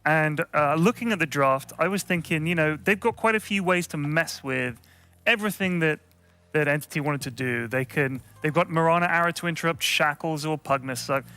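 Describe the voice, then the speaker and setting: A man analyzing a match on an esports desk, animated and full of restarts. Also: a little high, moderate pace, faint music behind.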